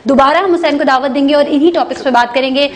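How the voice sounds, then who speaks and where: A woman's voice: high voice, fast. A woman hosting a casual interview, humming along and finishing her guest's sentences. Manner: frequent affirming hums, finishes guest's sentences. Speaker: talk show host.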